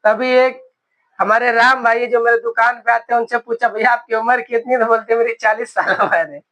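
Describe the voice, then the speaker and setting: A young male preacher in his twenties with a very high, bright and forceful voice. He delivers a sermon, calls out hallelujah again and again, and drags out key words for emphasis. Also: fairly even intonation, rough recording. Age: 20s. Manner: exclaims hallelujah often, slows for emphasis.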